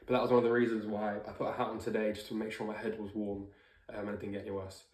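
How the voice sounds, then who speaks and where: A man's voice: lowish voice, little pitch movement, racing, darkish tone. A man talking casually and informally to camera as a vlogger, sometimes swearing, giving a personal check-in. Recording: roomy indoor echo.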